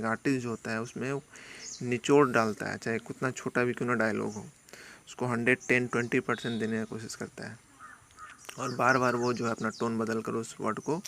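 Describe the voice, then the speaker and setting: A gravelly-voiced man teaching a class lesson. He reads passages slowly and deliberately, then explains in an easy, chatty way. His pitch is middle for a man, with faint outdoor sounds behind. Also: a bit bright, a little hiss or hum. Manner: reads English text slowly, then explains in casual Hindi.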